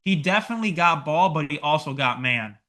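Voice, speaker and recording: Bright-voiced young man recapping a match. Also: fairly high pitch, fairly quick. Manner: animated, swears, many fillers and restarts. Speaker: podcast co-host.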